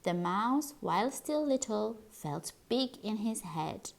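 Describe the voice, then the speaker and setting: A woman reading a rhyming children's picture book aloud in an expressive, sing-song storytelling style. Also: medium pitch, slow pace, gravelly.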